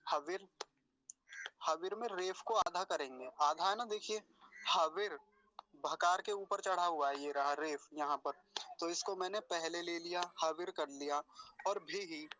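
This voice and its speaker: A man with a high voice gives a pronunciation lesson. He explains each sound step by step and repeats syllables slowly and deliberately, with a patient, teacherly manner. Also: pushed and bright, slight background noise.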